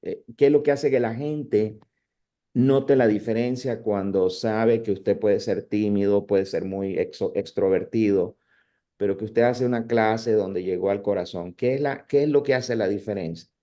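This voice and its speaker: A man teaching a university class on preaching, talking in an animated, conversational way with frequent restarts and mock impressions. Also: lowish voice, a little slow. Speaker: preaching professor.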